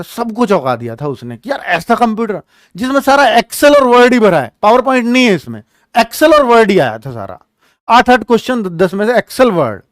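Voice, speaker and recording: Guy teacher giving straight-talk study advice, kinda scolding, voice pitched up high. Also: no room sound, studio quality. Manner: blunt, scolding, chatty, repeats points. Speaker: exam coaching teacher. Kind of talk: frank coaching advice talk.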